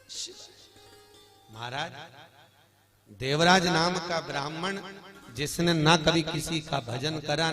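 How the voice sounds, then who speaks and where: A man giving a lively devotional sermon. He teases and questions his audience, swinging between loud outbursts and soft, low asides. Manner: lively, teasing, addresses the audience directly. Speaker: religious storyteller.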